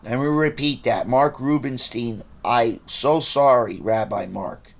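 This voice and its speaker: A man's voice: medium pitch, measured pace. A man talking straight to camera in a rambling, agitated monologue, accusing and addressing people directly. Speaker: vlogger.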